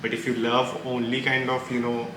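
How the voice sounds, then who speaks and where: In an echoey room with clear background noise, a man with an Indian accent chats about books he's been recommended, rambling, opinionated, and mixing Hindi into English. He speaks at normal speed in a medium-pitched monotone.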